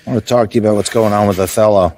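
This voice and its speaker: A man voices a stern, frank veteran basketball coach in a video game cutscene, blunt and firm yet supportive, with measured delivery. His voice is lowish, steady, a little mellow, and natural.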